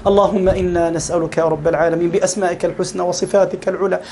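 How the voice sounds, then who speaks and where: Fast, high-voiced Egyptian preacher. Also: male voice, flat delivery, mellow, a little hiss or hum. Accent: Egyptian Arabic. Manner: fervent, repeatedly addresses listeners as beloved brothers. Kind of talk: sermon.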